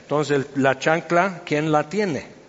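A man's voice: on the high side, slow pace, big-room sound, dull audio. A man giving informal Bible teaching, chatty and storytelling, full of fillers.

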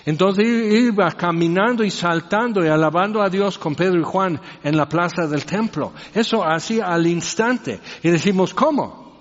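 Male preacher, chatty and joking, fairly high voice, dull recording. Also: moderate pace, hardly any pauses. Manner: conversational, rhetorical questions and joking asides. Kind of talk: sermon. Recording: reverberant hall, dull lo-fi sound.

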